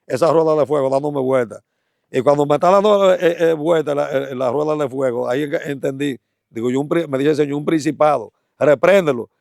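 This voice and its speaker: A man recounts a personal testimony in a slightly high, gravelly voice. He stumbles and repeats words often, pressing on in bursts. The sound is dry and close, with no room echo. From Dominican Republic. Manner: halting, stammering repetitions, animated. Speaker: evangelist. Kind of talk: testimony storytelling.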